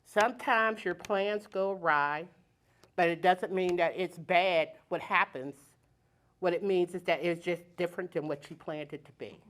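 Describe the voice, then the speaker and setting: Here a woman with a lowish voice, talking at a normal speed, recounts something from her own life on a storytelling stage. Her delivery is casual and spirited, and she imitates the people in the story.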